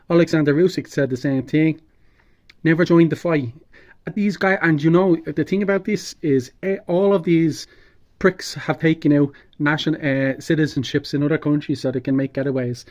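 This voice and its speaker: A man giving an unscripted, halting political rant as an online commentator, calm turning angry and combative, with heavy swearing. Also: fairly high pitch. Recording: dull lo-fi sound.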